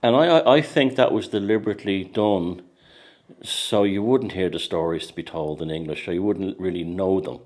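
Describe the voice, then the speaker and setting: An Irish man, an author and host, chats casually in a low, slightly mellow voice at normal speed. He rambles, with many restarts and repeated words.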